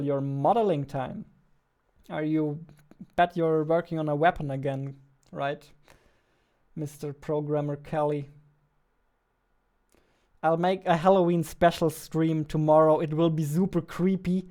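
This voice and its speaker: Unhurried, with long pauses, a twenty-something game developer chats informally and playfully on his livestream. His voice is a little high and warm, with fairly even intonation, picked up by a close boom-arm studio mic in a small room with a dark backdrop.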